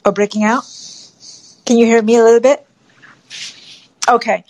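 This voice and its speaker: A woman's voice: on the high side, fairly even intonation, normal speed, a little mellow, poor audio. A woman hosting a casual chat over an app, her voice breaking up as the call drops out. She rambles and often repeats her words. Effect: call breaking up and dropping out. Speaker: show host. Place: at home.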